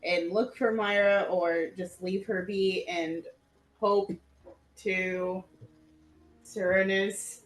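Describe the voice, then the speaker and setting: Brief: woman player, mid pitch, hesitant, thinking aloud in casual chat. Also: flat delivery, slow, long pauses, roomy sound, slight background noise, poor audio. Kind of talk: casual tabletop play.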